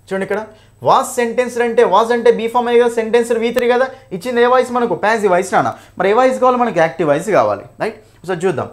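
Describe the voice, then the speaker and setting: A high-pitched young man with a Telugu accent runs a revision class on English grammar ahead of an exam. He keeps asking "right?" and "okay?", calls his students "nanna", reads the English examples at a slow pace, and explains each answer choice at length.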